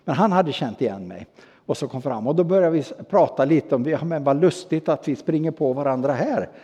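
A man's voice: fairly high pitch, lively intonation, mellow, breathy edge, long reverb tail, highs cut off. A man preaching a sermon, telling a personal story with frequent hesitations and acted-out dialogue. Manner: personal anecdote told with hesitations and quoted dialogue.

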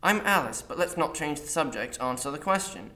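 A man voicing a sharp, evasive young woman who talks down to her captive. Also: a little high, expressive, a little fast, reverberant. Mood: curt. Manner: curt and condescending.

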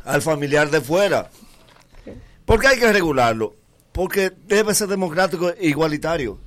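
A man's voice: fairly high pitch, expressive, moderate pace, fairly bright tone. A man telling jokes in comic group banter, laughing through mock-serious rants. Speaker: comedian.

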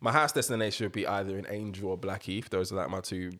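A man's voice: low-pitched, steady tone, fast, fairly bright tone. A man with a London accent in casual banter, teasing his friends with slang and swearing.

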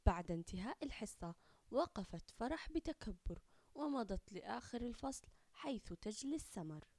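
A woman storyteller narrating a scripted children's tale with wide, lively melody. Her tone is mellow and soft-edged, and the recording is dry and close. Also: fairly high pitch, moderate pace, no echo. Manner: expressive, lilting.

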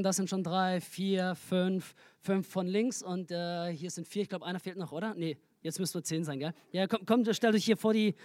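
A man's voice: sits high, a little mellow, dry recording. Man pastor, sermon, humorous and chatty, dry close sound. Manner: humorous, chatty, laughs at own jokes. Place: church stage with volunteers.

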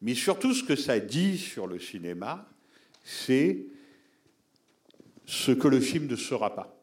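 A man's voice: mid-range voice, sing-song, slow, darkish tone. A man giving a public talk on film, answering audience members in an explanatory, emphatic way and addressing listeners directly.

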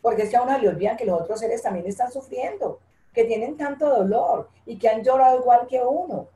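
A woman's voice: a little high, fairly quick, mellow, echoey room, low-quality recording. An older woman speaking earnestly and from the heart in an interview, often repeating her phrases. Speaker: guest, interviewee's mother. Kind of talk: emotional interview talk.

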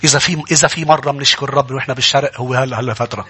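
A pastor preaching a sermon in church, animated and calling out to his congregation. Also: medium pitch, racing, slightly rough.

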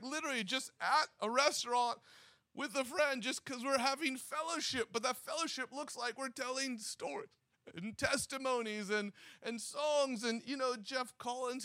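A male preacher delivers an exhorting sermon, driving his points home through repetition. His voice sits unusually high and rings bright and forceful. The sound is dry and close, with no room echo. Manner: energetic and exhorting, with repeated phrases.

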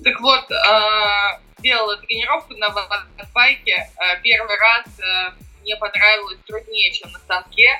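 A young adult podcast guest, an amateur triathlete who used to swim, answers interview questions in a relaxed way. New braces give her a slushy lisp that turns her s sounds toward sh. Her medium-pitched voice is steady, sharp and measured, over faint music on poor audio.

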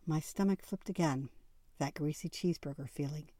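A woman with a lowish voice reads a first-person novel aloud. Her storytelling is intimate and expressive. The recording is close and dry, with no room sound. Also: normal speed, dry recording. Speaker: audiobook narrator.

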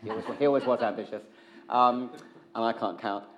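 A man's voice: on the low side, steady tone, fairly quick, rough recording. A man talking as a television executive in a candid interview, animatedly retelling and acting out conversations. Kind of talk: candid on-stage interview talk with anecdotes.

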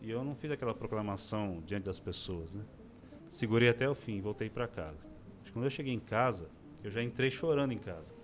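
Expressive man telling his story. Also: lowish voice, fast talker, soft background music. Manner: expressive storyteller, acts out quoted voices. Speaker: interview guest. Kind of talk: casual chat, personal testimony.

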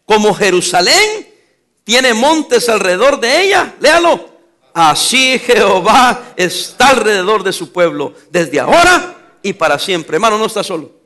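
High bright preaching man. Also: very animated, measured pace. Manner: emphatic preaching, call-and-response questions to the congregation; teasing, scolding asides. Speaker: pastor. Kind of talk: sermon.

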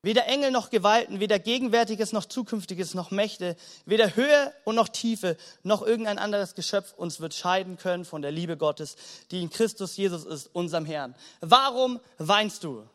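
Very high-voiced man preaching. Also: moderate pace. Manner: direct, emphatic, keeps addressing the congregation with "hey". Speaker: pastor. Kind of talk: sermon. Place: church service before a congregation.

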